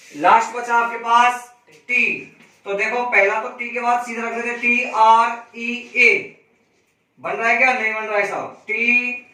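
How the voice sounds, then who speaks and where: A man teaching a reasoning class, spelling out letters slowly and asking students questions he then answers himself. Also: very high-pitched, sharp tone, far from the mic. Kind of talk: classroom lesson. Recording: echoey room, voice from off-mic.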